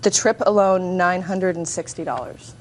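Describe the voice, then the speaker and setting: A woman's voice: on the low side, normal speed, slight background noise, rough recording. A woman in her twenties testifying as a plaintiff in a TV courtroom, restrained, deferential and careful with her words. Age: 20s.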